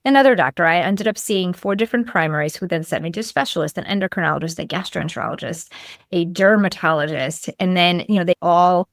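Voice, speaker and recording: Speaking quickly in a fairly low voice, a middle-aged clinical nutritionist from Lithuania recounts something personal as a podcast interview guest, dramatizing bits of dialogue along the way. The recording is studio quality without room sound.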